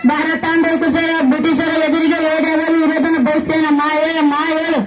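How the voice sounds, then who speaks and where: A young performer as a defiant jailed revolutionary. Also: male voice, very high voice, a little fast. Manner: declamatory, impassioned, flat singsong delivery. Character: defiant young male revolutionary facing execution. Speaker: school drama performer. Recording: echoey hall with a crowd behind.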